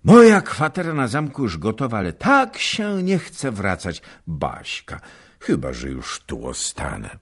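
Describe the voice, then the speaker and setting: Male reader as weary knight, deep, husky, calm. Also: a little slow, full character voice. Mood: steady. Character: small brave knight, tired yet steady.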